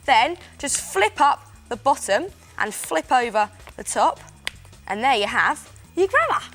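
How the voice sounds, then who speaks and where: A woman's voice: high-pitched, big pitch swings, a little slow, soft background music. A woman presenting a children's craft show, explaining steps in an encouraging way. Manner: bright, encouraging, explains step by step. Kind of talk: upbeat instructional presenting.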